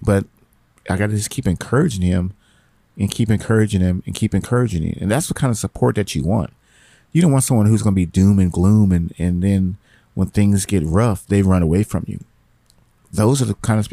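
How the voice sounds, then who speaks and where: A man's voice: on the low side, warm tone, no echo. A middle-aged man hosting a podcast, giving rambling, encouraging motivational talk and repeating his phrases. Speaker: podcast host.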